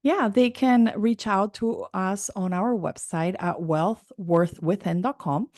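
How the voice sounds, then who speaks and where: A woman speaking as a finance consultant guest on a podcast, measured and businesslike, laughing lightly now and then. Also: medium pitch, a little mellow, dry recording, clean studio sound. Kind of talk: podcast interview answers.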